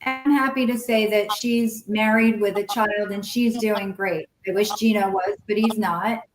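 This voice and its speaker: A woman's voice: mid-range voice, normal speed, music in the background. Blunt middle-aged woman, roomy echo. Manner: animated, acts out past conversations in quoted voices; blunt, swears freely. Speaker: guest sharing her story. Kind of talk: candid personal storytelling.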